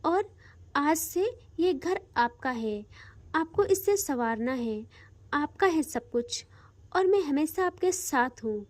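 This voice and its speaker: Woman putting on a sweet mom-in-law, calm and soothing, audio story. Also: sits high, slow pace, no echo. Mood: reassuring. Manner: soft, reassuring. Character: gentle, loving middle-aged mother-in-law.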